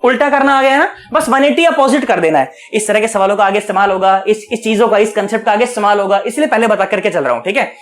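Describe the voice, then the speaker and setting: Male physics tutor with a fairly high voice, folksy classroom patter, quizzes and answers himself. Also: fairly bright tone. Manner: asks questions and answers them himself, coaxing and chatty; repeats key words slowly for emphasis. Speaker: physics teacher. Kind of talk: online lecture, explaining at a board.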